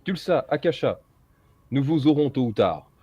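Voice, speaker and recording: An earnest, vengeful fantasy game character, read aloud by a man. The voice is mid-pitched, delivering quest dialogue that implores for help. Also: very animated, normal speed, dark tone, husky.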